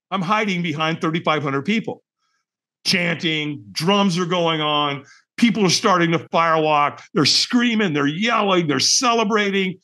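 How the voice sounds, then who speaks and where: A man's voice: on the high side, fairly bright tone. A middle-aged man, a podcast guest, telling a personal story in an emphatic, colorful and profane way, acting out his own thoughts.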